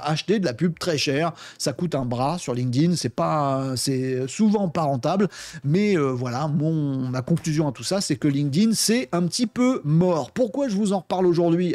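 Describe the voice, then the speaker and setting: Opinionated French tech host, slightly high voice. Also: male voice, no room sound. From France. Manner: animated, opinionated, frequent fillers. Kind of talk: casual opinionated commentary.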